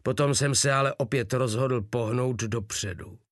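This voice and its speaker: Guy reading a war novel aloud, even and steady, medium voice, dry close sound. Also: mid-range voice, no room sound. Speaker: audiobook narrator. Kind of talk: first-person audiobook narration.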